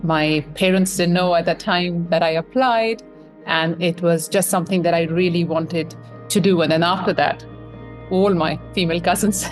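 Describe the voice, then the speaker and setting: A woman in her thirties from Pakistan, an admissions consultant answering interview questions in a friendly, reflective way. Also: lowish voice.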